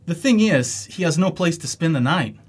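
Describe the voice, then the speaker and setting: Concerned, loyal husband and friend played by a man, lighter pitch, very animated, clear scripted delivery. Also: moderate pace. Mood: gently persuading. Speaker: actor in an English lesson dialogue. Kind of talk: scripted dialogue acting.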